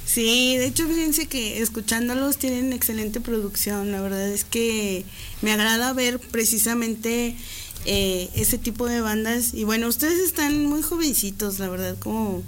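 A woman's voice: a little high, a little slow. A woman interviewing a band in a chatty, teasing way, laughing often. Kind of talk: casual interview.

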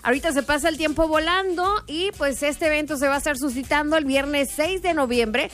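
High-voiced radio hostess. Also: female voice, brisk, fairly bright tone. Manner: chatty, laughing, upbeat announcer. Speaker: radio host. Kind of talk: call-in radio chat and event promo.

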